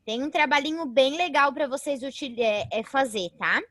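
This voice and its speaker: A woman's voice: high-pitched, normal speed, fairly bright tone, no room sound. A woman teacher with a Brazilian accent leads an online class in a chatty way, often tagging her sentences with a questioning "né?". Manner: chatty, tags sentences with "né?", calls herself "a professora".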